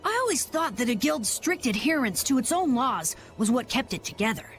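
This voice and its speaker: In an English video game cutscene, a woman voices an earnest young boy who is unsure but determined, moving from troubled to resolved. Her voice is on the high side, very animated and fairly quick, with music behind it.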